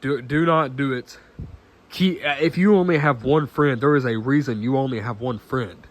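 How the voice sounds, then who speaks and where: A nineteen-year-old man talking casually to camera in an earnest, halting way, full of restarts and fillers, often clearing his throat. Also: medium pitch. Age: late teens. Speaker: vlogger.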